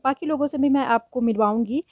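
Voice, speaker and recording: A woman talks through a casual vlog in a chatty, easy way with gentle laughs, her voice a little high. The sound is dry and close. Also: a little fast, no room sound. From India. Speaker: vlogger. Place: village home.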